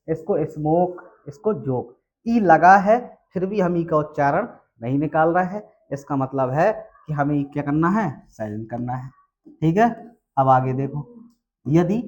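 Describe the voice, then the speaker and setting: Male English teacher, high voice, quizzes then answers his own questions. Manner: asks questions and answers them himself. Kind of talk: classroom lesson on pronunciation.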